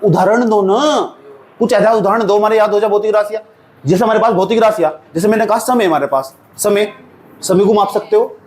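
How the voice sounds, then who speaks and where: A man with an Indian accent teaching a physics class, lively and teasing, often asking his students questions. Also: high-pitched, a little fast, reverberant. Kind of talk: classroom lecture.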